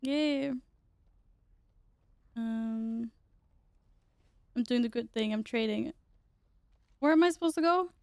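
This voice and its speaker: A woman with a fairly high voice and plenty of vocal fry streams a game live. She talks casually and informally, with exclamations, at an unhurried pace. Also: a little mellow, no echo, studio quality. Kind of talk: casual live gameplay chat with viewers and teammates.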